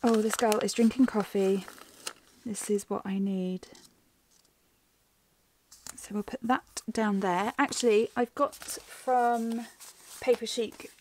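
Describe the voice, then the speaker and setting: A woman's voice: mid-range voice, fairly even intonation, slow pace, pauses often, a little mellow, a little hiss or hum. A middle-aged woman rambling and thinking aloud as she plans, her voice a little worn as it starts to go. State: losing her voice. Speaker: planner vlogger. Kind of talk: chatty plan-with-me narration.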